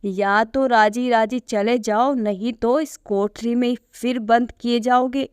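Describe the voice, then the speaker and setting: A woman's voice: a little high, steady tone, takes it slowly, clean tone, dry recording, studio quality. A woman reading the lines of a stern middle-aged father who gives his son firm orders. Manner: firm, commanding.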